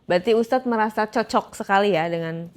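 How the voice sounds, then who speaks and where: A woman's voice: mid-range voice, a little fast. A woman, hosting a casual podcast interview and murmuring along while her guest talks. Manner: frequent soft backchannel murmurs. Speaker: podcast host.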